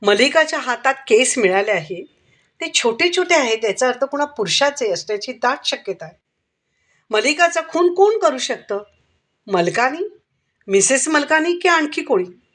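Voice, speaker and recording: A woman's voice: high-pitched, very animated, moderate pace, fairly bright tone, exaggerated voice. A woman voicing a stern male police inspector who fires probing questions in a storybook reading.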